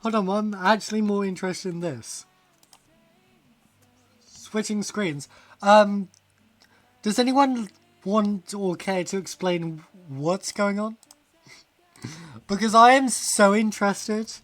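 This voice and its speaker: In a dry recording, a man with a high-pitched, fairly bright voice speaks slowly with long pauses. He's chatting casually on a game stream, rambling, laughing frequently and reading the chat aloud.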